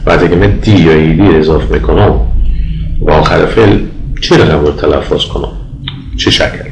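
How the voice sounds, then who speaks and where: A man with an Afghan Dari accent teaching English grammar as a lecturer, patiently repeating example words slowly for pronunciation. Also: rumbling low, roomy sound, a little hiss or hum, poor audio. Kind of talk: recorded lecture.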